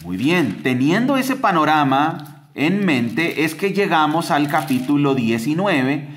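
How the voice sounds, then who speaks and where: A man, co-hosting a podcast and giving an animated Bible teaching. He keeps asking the listeners rhetorical questions. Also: takes it slowly. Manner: animated, acts out quoted voices with big pitch jumps.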